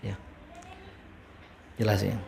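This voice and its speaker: A man's voice: takes it slowly, warm tone, a little hiss or hum. A man giving a casual Islamic study lecture, joking and quoting Arabic phrases before explaining them. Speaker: ustadz teaching a religious study class.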